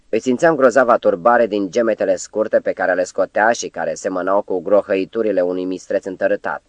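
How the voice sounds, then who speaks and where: A man reading a novel aloud as an audiobook narrator, in a steady, measured storytelling manner. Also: low-pitched, no echo, dull audio. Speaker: audiobook reader. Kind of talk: scripted literary narration.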